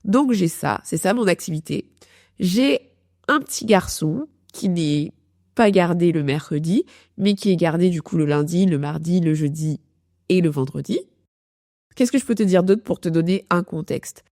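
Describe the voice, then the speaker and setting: Mellow woman podcaster with a robotic voice artifact. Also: on the low side, expressive, normal speed, no room sound, studio quality. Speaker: podcast host, productivity coach. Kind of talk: informal solo podcast talk.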